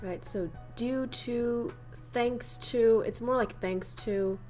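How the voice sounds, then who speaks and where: Her voice is fairly high and darkish, and she takes things slowly: a young northern Vietnamese woman with a Vietnamese accent, teaching idioms on a casual livestream with soft background music. She's chatty, laughs often and reads messages from the chat aloud.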